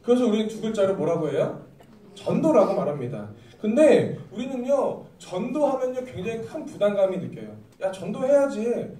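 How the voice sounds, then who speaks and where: Youth pastor, male, high animated delivery, mellow tone, miked from a distance in an echoey church hall. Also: brisk. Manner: lively storytelling, acts out quoted lines. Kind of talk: sermon to a youth group.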